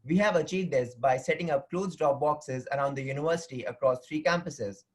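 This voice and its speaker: Guy reading his presentation script, voice a bit on the high side. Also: a little fast, husky, poor audio. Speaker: student presenter.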